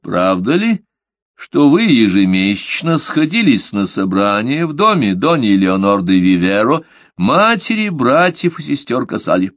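A man's voice: mid-range voice, very animated, unhurried, fairly bright tone, dry recording, studio quality. A man reading a grim, probing inquisitor. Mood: interrogating. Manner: cold probing interrogation. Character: stern grim male inquisitor, older cleric. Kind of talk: audiobook character reading.

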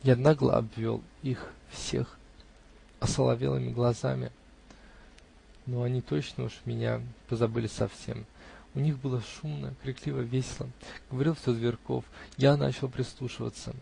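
A man reading a classic novel aloud in the first person, with expressive storytelling. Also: medium pitch, normal speed, vocal fry, slight background noise.

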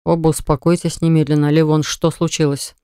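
A woman voicing an anxious younger brother who pleads in a hurry, trying to calm everyone down. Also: sits low, fairly quick, clean tone, no room sound, studio quality, close to an everyday voice. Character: younger brother, anxious peacemaker, talks fast.

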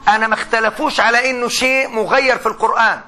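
A man leads a religious studies class. His voice sits very high and cuts bright. He moves briskly and quizzes his students with rhetorical questions. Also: steady tone. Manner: explains with rhetorical questions, stretches recited words. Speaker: Quran studies lecturer. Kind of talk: classroom lecture.

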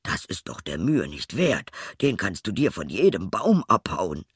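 A man's voice: low-pitched, very animated, a little slow, husky, dry recording, full character voice. A man voicing a doubting old tailor father in a fairy tale, dry and plain, then sharply astonished.

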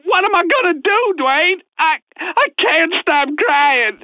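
A hapless radio caller in a game, stammering and hesitant. His voice is extremely high and lively in pitch, with a bright, tense tone. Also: slow, no echo, heavily acted, low-quality recording. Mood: nervous.

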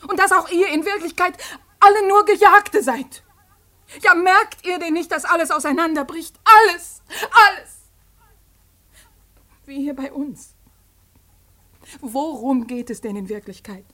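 An actress playing an outspoken young daughter in a radio play, impassioned and pleading. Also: female voice, high voice, moderate pace, pushed and bright. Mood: despairing. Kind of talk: 1950s radio play acting.

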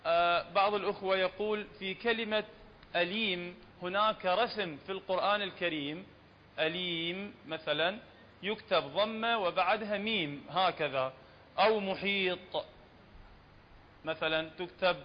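A man with an Iraqi Arabic accent teaching Quran recitation rules, explaining patiently and often checking that his students follow. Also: sits high. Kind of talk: religious lesson on recitation rules. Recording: reverberant, dull lo-fi recording.

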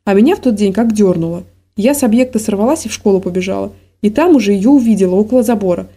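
A frightened middle-aged village wife rambles anxiously through tears, as a woman reading a story puts her on. Her talk is hurried and pleading. The voice is very dark and mellow. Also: medium pitch, breathy edge.

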